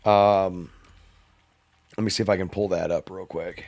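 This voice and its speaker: A slightly hoarse man hosting a live open-mic stream, rambling, swearing and laughing in casual chat. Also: deep voice, steady tone, a little slow, darkish tone, a little hiss or hum.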